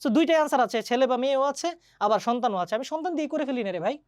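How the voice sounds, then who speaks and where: A woman teaching an English grammar lesson, chatty and quick, often asking her students questions. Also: sits high, expressive, a little mellow, no room sound, studio quality. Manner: mixes English grammar terms into Bengali. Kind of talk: online exam-prep lesson.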